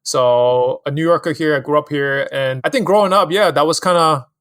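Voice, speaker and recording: A man from Hong Kong, a podcast guest, telling his story in a relaxed way, filling his speech with "like" and "you know" and light laughs. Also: fairly high pitch, moderate pace, dry recording, studio quality. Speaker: guest, style influencer. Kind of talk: casual interview storytelling.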